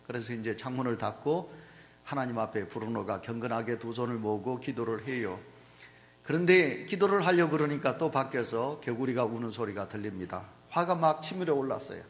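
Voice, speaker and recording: A man's voice: medium pitch, brisk. A male pastor preaching a sermon in a church, telling a story and speaking straight to the congregation. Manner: storytelling, addresses the congregation directly. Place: church sanctuary.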